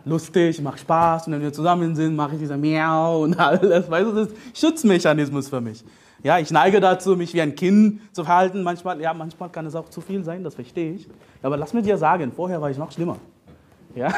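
Husky-voiced man preaching playfully. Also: on the high side. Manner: playful, joking, animated sermon delivery with frequent "ja?". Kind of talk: sermon.

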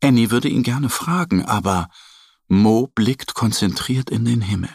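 A man narrating a children's story in a slow, gentle, expressive way. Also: medium pitch, creaky, slightly rough, dry recording, studio quality.

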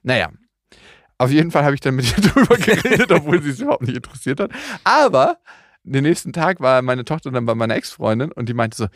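A man in his thirties talks casually as a podcast co-host, teasing and sarcastic, often breaking into laughs. His voice sits in the middle of the usual pitch range. The sound is dry and close. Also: lively intonation, fast, no room sound. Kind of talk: casual chat.

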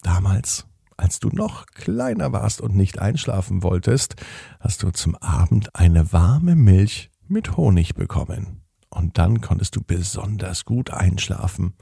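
A man voicing a gentle mother in a bedtime story, soothingly explaining to her son. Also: low voice, very animated, measured pace, gravelly, slightly rough, no room sound, studio quality, heavily acted. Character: gentle caring mother of a young boy.

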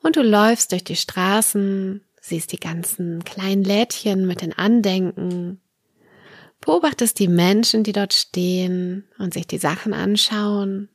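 In a slow, unhurried guided meditation, a woman leads listeners on a calm dream journey, dropping short soothing phrases between pauses. Her voice sits at mid pitch with a creaky edge, and her delivery is gentle and her tone steady. The recording is dry and close, with no room sound.

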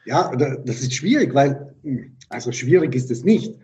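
A man's voice: mid-range voice, animated, normal speed, mellow, muffled recording, slight background noise. A middle-aged man from South Tyrol, a podcast guest explaining things in a thoughtful way with many fillers and restarts. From South Tyrol, Italy. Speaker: tourism director, podcast guest. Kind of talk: conversational interview answers.

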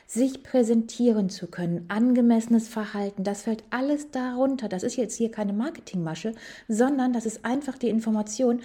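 A woman, hosting a podcast and coaching on etiquette, talking emphatically and drawing out key words before rushing through asides. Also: on the high side. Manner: animated, emphatic, switches between slow stress and fast asides. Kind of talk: casual podcast monologue.

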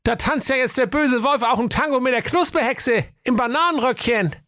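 A whiny, dim fairy-tale brother. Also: male voice, moderate pace, pushed and bright, no echo, clean studio sound. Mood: flustered, whiny. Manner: high, whiny, fussy. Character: dim-witted, easygoing fairy-tale brother, middle-aged man. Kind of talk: comic radio fairy-tale acting.

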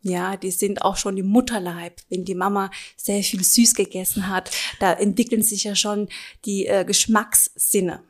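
A chatty woman in her thirties, speaking at an ordinary mid pitch as an interview guest. She explains things easily and loosely, dropping frequent small fillers as she goes. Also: fairly even intonation, measured pace. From Germany. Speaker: nutrition advisor, guest. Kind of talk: casual interview chat.

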